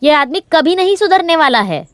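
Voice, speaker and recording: A woman's voice: high voice, very animated, moderate pace, dry recording. A woman dubbing an aggrieved, complaining village wife in a film. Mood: exasperated. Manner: complaining, indignant. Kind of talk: Hindi film dub.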